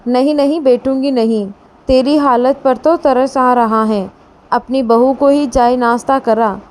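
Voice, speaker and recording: A woman's voice: sits high, fairly even intonation, a little slow, a little mellow. A woman voicing a meddling neighbor auntie. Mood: scolding. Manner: scolding, reproachful.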